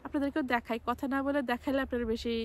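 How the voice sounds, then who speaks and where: A woman's voice: high voice, steady tone, very fast. A woman from Bangladesh, a travel vlogger, chatting casually to camera from a clifftop by the sea, often repeating and restarting her words. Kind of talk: casual vlog talk to camera.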